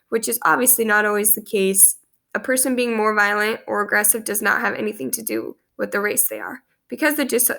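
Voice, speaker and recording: Her voice is medium in pitch, creaky, pushed and bright. She's a twenty-something student with a stuffy cold, sincerely reading her class presentation into a nearby webcam in a small room.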